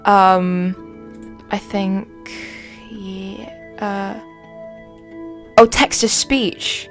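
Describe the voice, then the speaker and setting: A woman's voice: mid-range voice, fairly even intonation, extremely slow, soft background music. A woman giving casual, rambling commentary while playing a game, with chatty asides. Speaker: let's play streamer.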